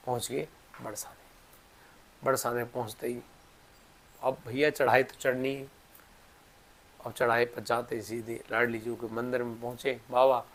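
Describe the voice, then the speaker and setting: A man narrating a devotional story, moving between hushed and raised delivery. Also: medium pitch.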